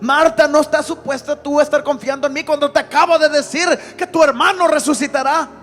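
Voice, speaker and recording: A preacher voicing Jesus as a grieved, reproachful grown man who asks pleading questions and rises to shouts. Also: very high voice, steady tone, fairly quick, faint music behind.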